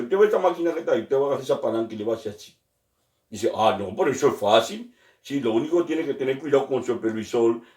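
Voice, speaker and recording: A man telling jokes in an animated way, acting out the characters and laughing at his own punchlines. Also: on the high side, roomy sound, recorded from a distance. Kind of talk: joke telling.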